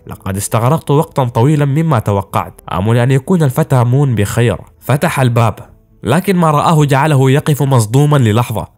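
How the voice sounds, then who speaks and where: A man narrating an anime plot recap in a brisk storytelling style, with casual asides. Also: medium pitch, darkish tone.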